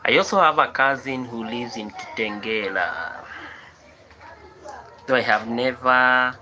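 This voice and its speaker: A man's voice: medium pitch, measured pace, background noise. A man from Kenya with a Kenyan accent, chatting casually to a viewer and repeating his questions over and over. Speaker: vlogger.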